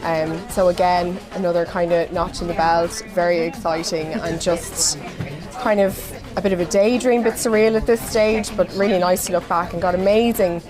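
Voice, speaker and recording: Lower-voiced Irish woman, music behind. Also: fairly even intonation, moderate pace. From Ireland. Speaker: fashion designer. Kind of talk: interview answers.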